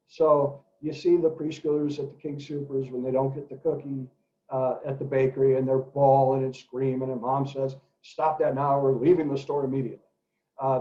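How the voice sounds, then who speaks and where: A middle-aged educator with a medium-pitched voice delivers an animated talk to parents, acting out stories in character voices. The sound is dull and lo-fi, with an echoey room.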